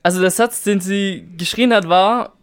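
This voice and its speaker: Male quiz master, dry and matter-of-fact, voice a bit higher than usual. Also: moderate pace, smooth. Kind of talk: reading quiz questions.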